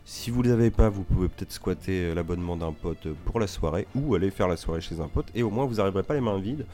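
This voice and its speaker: A man's voice: sits low, fast, warm tone. A man co-hosting a film podcast, chatty and joking as he recommends films. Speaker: podcast co-host. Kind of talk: casual film chat.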